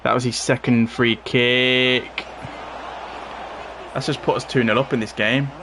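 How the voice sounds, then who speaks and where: A man livestreaming a football game, giving casual running commentary with bursts of excitement. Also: mid-range voice, a little slow, noisy background. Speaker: streamer playing a football game. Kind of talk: live gameplay commentary.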